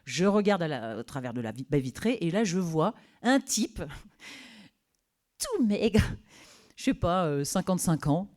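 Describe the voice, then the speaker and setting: Lively woman telling a story. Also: lowish voice, measured pace, pauses often. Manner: animated, laughs often, acts out scenes. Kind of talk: live personal storytelling.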